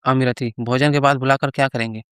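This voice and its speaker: A man voicing a sharp-tongued village housewife who scolds in a rustic village dialect. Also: mid-range voice, fairly even intonation, brisk, clear, resonant tone, dry recording, studio quality, lightly acted. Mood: scornful.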